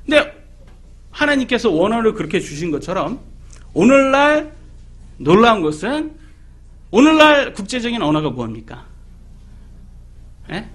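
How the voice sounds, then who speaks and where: A middle-aged man preaching a sermon, animated, questioning his listeners and acting out quoted people. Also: high voice, moderate pace, long pauses. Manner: animated, asks the audience questions; acts out quoted people in voices.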